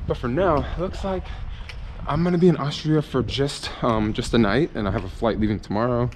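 Over street noise, a young man from the United States vlogs briskly in a mid-range voice, easygoing, upbeat, and thinking aloud despite being short on sleep. It's a casual travel vlog shot across trains, stations, and city streets on a handheld wide-angle camera with a mounted mic, so the outdoor audio is noisy with station and street sounds.

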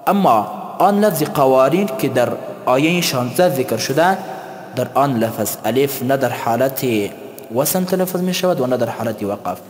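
A man teaching a tajweed lesson. He explains slowly and chants the example words. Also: medium pitch, lively intonation. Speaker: Quran recitation teacher. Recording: long hall reverb.

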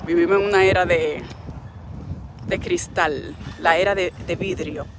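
A woman's voice: fairly low pitch, fairly even intonation, a little slow, background noise. A middle-aged Dominican woman speaking with a Dominican Spanish accent, a wellness coach giving a frank, preachy, faith-based motivational talk. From Dominican Republic.

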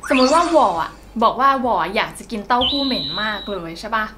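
A woman's voice: a little high, lively intonation, quick pace, background noise. A young Thai woman co-hosting a casual chat about swear words, playful and giggly, with music playing behind. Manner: giggly and playful, with frequent laughs. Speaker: co-host teaching Chinese and Thai swear words.

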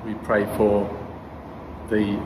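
A middle-aged man leading a spoken congregational prayer as pastor, measured and earnest with pauses. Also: fairly low pitch, completely flat delivery. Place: church hall with brick walls. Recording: roomy hall echo, background noise.

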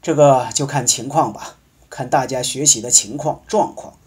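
A man teaching a French lesson, explaining patiently and slowly drawing out example words. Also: mid-range voice, darkish tone, husky. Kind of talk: language lesson.

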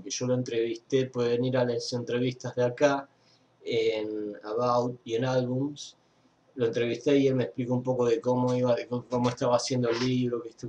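Speaking at his computer indoors through a webcam mic, a young man from Argentina runs a fan page's relaxed news chat in Argentine-accented Spanish, wandering through fillers and restarts. The recording is muffled, with his mid-range voice taking on a darkish tone.

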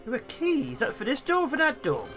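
Very high-pitched, excitable male gamer. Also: quick pace, over music. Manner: excitable, theatrical. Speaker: gaming video host. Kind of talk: playful gameplay commentary.

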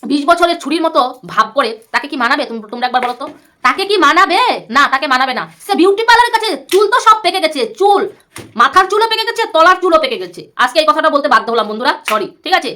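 A woman's voice: high-pitched, pushed and bright. A woman YouTuber giving an angry roast rant to her viewers, scolding and insulting and repeating herself.

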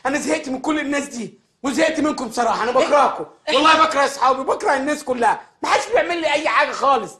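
An actor with an Egyptian accent playing a spoiled, childish, rude grown man in a TV comedy, talking very fast and whiny. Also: very high voice, sharp tone. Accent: Egyptian Arabic. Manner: petulant, rapid, complaining. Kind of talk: TV comedy series acting.

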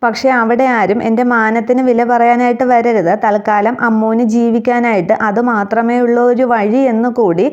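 A woman retelling a TV serial episode in steady storytelling, reading out the characters' lines as she goes. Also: fairly high pitch, normal speed, hardly any pauses, lo-fi sound.

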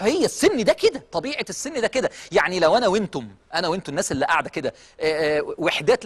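A man with an Egyptian accent giving a televised sermon to a live audience, emphatic and repetitive, dropping from loud to hushed. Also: high-pitched, breathy edge. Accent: Egyptian Arabic. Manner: emphatic, repeats phrases, swings from loud to hushed. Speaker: preacher.

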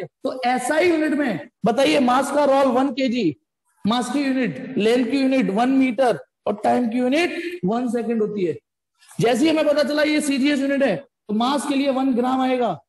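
A man's voice: extremely high pitch, a little mellow. A man teaching a live online physics class in speech, chatty, calling students "beta" and throwing in slangy asides. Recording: echoey room with long reverb.

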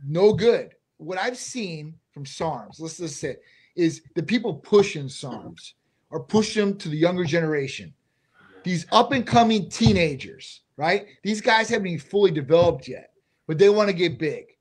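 A man's voice: high voice, lively intonation, moderate pace, husky. A man who owns a clinic and co-hosts a live question-and-answer show, speaking bluntly and casually into a desk mic. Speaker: clinic owner, co-host. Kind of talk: live Q&A chat. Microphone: desk microphone.

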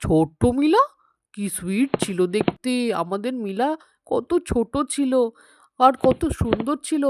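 Tired grumbly old granny, sings up and down a lot, dry mic. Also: female voice, fairly high pitch, expressive, unhurried, dry recording. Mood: puzzled, fond. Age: older. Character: fussy elderly grandmother, tired and grumbling. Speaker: voice actor. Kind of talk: cartoon dub acting.

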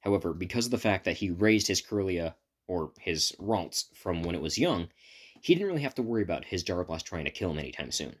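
Improvising a fan story, a man rambles through the retelling, halting and starting over again and again. His deep, husky voice is expressive and brisk.

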